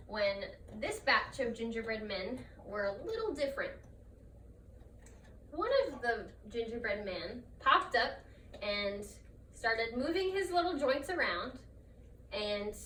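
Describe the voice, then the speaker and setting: A woman improvises a trickster folktale as its storyteller. Her voice is bright and on the high side. She sounds a little away from the mic, with faint noise behind her. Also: echoey room, far from the mic.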